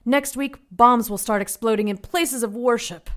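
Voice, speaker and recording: A man putting on a higher voice for a terse, cryptic informant. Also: moderate pace, a bit bright. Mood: ominous.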